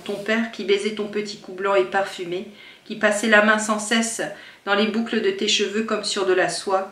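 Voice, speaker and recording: A woman giving an expressive, emotional first-person reading of a classic novel as an audiobook. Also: medium pitch. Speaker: audiobook reader. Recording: roomy sound from some distance from the mic.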